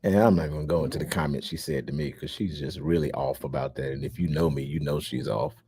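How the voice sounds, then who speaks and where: A social media host with an extremely low, dark voice and vocal fry talks fast to his followers. His casual monologue is emphatic and indignant, with lots of fillers.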